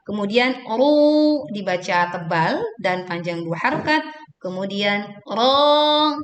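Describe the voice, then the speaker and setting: A woman teaching Quran recitation, switching between slow, drawn-out chanted verses and brisk spoken explanations of pronunciation. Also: medium pitch, a bit bright, reverberant, slight background noise. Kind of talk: tajwid lesson with chanted recitation.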